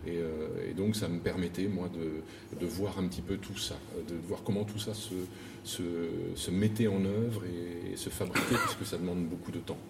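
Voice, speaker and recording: A middle-aged man directs opera and answers questions with careful, halting phrasing. His voice sits very low. He sounds distant from the mic, in a roomy space with a noticeable hiss behind him. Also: steady tone, gravelly. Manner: thoughtful, searching for words with many restarts. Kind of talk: interview answers.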